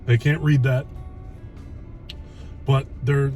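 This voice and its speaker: A man's voice: medium pitch, flat delivery, slow pace, darkish tone, soft background music. A man in his early fifties chatting casually while eating, chewing as he talks, in a blunt, exasperated, ranting way. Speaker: host of food review vlog. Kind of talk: casual chat.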